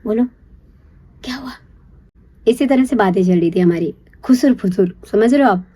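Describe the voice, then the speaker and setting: A young woman casually telling a personal story in a chatty, confiding way, checking in with the listener and slipping into a hushed whisper for the secret parts. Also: medium pitch, expressive, moderate pace, slightly rough. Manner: chatty, confiding, keeps asking "you get it?"; drops to a hushed whisper when acting out secrecy. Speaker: storyteller recalling her first love.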